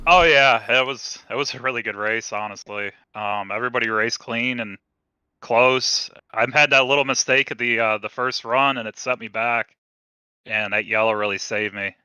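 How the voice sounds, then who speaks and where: Man, racer on voice chat, very bright, crisp and dry, dull lo-fi sound, relaxed and friendly. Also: lowish voice, no room sound. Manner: relaxed, friendly, a bit halting. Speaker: second-place racer. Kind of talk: casual post-race interview.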